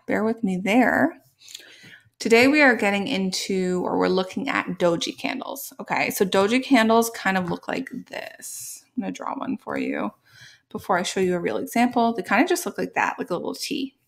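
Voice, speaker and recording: A woman's voice: medium pitch, creaky, fairly bright tone. A woman hosting a casual trading tutorial with a slightly congested, sore-throat voice, often checking in with okay and right. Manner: frequent check-in tags like okay, all right, right. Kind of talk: casual tutorial explanation over live charts.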